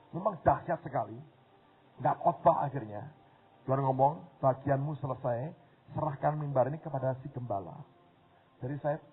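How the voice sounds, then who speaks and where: Animated preacher on a tinny line. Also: male voice, fairly high pitch, slightly rough. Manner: animated storytelling, addressing the congregation as "saudara". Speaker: pastor. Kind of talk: sermon storytelling. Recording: tinny phone-like audio with faint noise.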